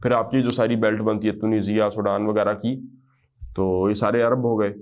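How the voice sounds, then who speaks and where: A man teaching Arabic grammar in class. He explains at length, speaks Arabic phrases slowly, and often checks whether the class follows. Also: fairly low pitch, steady tone, darkish tone. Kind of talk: classroom lesson.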